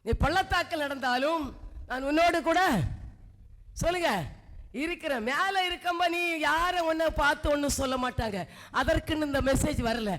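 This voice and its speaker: Woman preacher from India, high voice, fervent exhortation, call-and-response with the congregation. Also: normal speed. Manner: fervent, exhorting, swings between loud cries and low murmurs.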